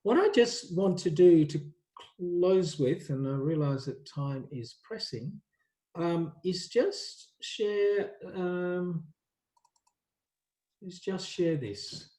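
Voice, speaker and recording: Male university lecturer, rambling delivery, mellow voice, echoey room. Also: sits high, expressive, takes it slowly. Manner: rambling, thinking aloud with many fillers and restarts. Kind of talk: online workshop lecture.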